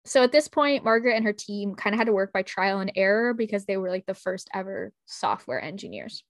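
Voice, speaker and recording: A woman's voice: medium pitch, lively intonation, fairly quick, no echo, clean studio sound. A woman co-hosting a casual history podcast, chatty and jokey, with frequent "like" fillers. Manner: chatty, jokey, uses "like" often. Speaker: podcast co-host.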